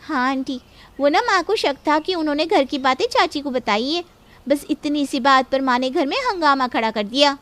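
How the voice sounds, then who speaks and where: A woman's voice: sits high, normal speed, fairly bright tone. A woman voicing a young sister-in-law who gossips in a sweet tone. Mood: sweet-talking.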